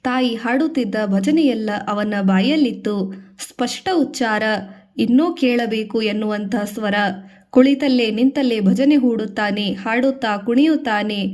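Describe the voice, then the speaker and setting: A woman narrating a devotional story from a script, lifting her voice for the characters' lines. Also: measured pace. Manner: expressive, voices characters' lines with a raised pitch.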